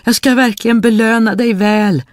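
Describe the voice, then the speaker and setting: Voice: steady tone, dry recording, studio quality, close to an everyday voice. A narrator voicing a huge, boastful spirit trapped in a bottle, in a storybook reading, crying out and threatening. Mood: coaxing. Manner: shrill pleading cries, then booming threats.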